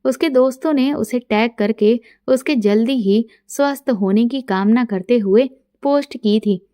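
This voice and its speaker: A middle-aged woman narrating a first-person story in a soft, intimate way, quoting dialogue plainly. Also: on the high side, no room sound, studio quality.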